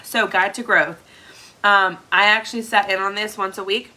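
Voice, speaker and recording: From a home room lined with a product shelf, a stuffed-up young direct sales team leader casually trains new sellers on a live stream, regularly asking "okay?". Her voice is medium in pitch and sharp in tone, steady, and delivered at a normal speed.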